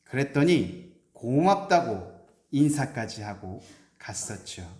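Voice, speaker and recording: A preacher voicing an unflappable older male scholar who answers with measured calm, at a mid pitch. The echo of a large church hall lingers on his words.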